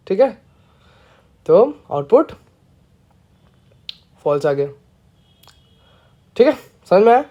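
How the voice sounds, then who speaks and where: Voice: medium pitch, dark tone, lo-fi sound. A programming teacher giving a casual screencast lesson, playful and often checking that listeners follow along.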